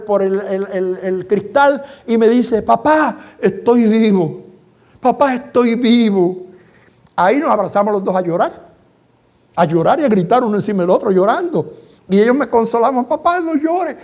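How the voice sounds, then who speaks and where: A man's voice: sits high, darkish tone. A middle-aged man, a pastor, telling an emotional testimony in a sermon and addressing his congregation directly.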